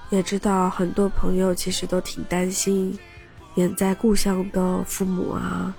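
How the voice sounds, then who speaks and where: Woman with a creaky, recovering voice. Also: fairly low pitch, monotone, unhurried, darkish tone, soft background music. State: recovering throat, cracking shaky voice. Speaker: podcast host. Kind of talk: casual personal chat to listeners.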